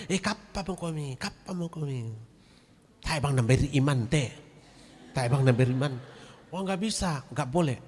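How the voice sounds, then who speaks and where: In a church hall with long reverb, a male pastor and grief counselor delivers a training talk to his congregation in a chatty, direct manner. He calls his listeners "Bapak Ibu," and his mid-range voice has a husky quality.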